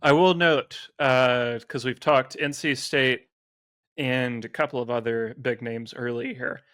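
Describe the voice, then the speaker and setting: A man's voice: medium pitch, clean tone, dry recording, studio quality. A man co-hosting a sports podcast, chatting casually and rattling off stats with frequent fillers. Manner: animated, quick stats-driven talk with fillers. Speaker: co-host.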